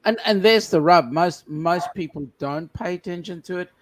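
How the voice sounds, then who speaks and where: A man from South Africa on a casual live-stream panel, teasing drily and pausing on ums. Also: high-pitched, slight background noise, rough recording. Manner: dry teasing, halting with ums.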